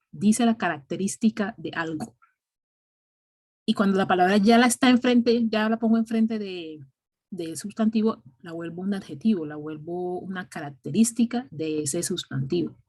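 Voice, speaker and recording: A woman's voice: lowish voice, darkish tone, husky. A woman teaching an English grammar class, explaining patiently step by step and often checking in with "ok?".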